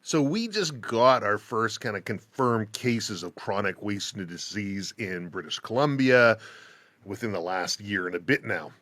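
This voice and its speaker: A man hosting a podcast interview, relaxed and conversational, getting softer as he tells stories. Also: fairly low pitch, measured pace, dry recording. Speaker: podcast host. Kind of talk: casual interview.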